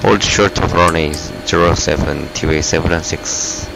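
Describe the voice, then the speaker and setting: A man's voice: a bass voice, steady tone, moderate pace, vocal fry, music in the background, poor audio. A man with a Korean accent, a virtual airline pilot on a cockpit headset, giving clipped radio readbacks to air traffic control with hesitations. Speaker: virtual airline pilot on a flight-sim network.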